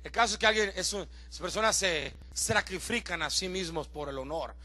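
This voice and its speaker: High-voiced, bright male pastor preaching. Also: animated, moderate pace, no room sound. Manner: joking asides with the congregation; builds to loud, emphatic preaching. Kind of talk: sermon. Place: church service before a congregation.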